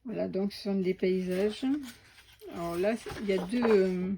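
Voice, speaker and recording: A woman chatting through an unboxing of craft supplies, slow and hesitant with many fillers and restarts. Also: mid-range voice, fairly even intonation, vocal fry, noisy background. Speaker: crafting vlogger. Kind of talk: casual unboxing commentary.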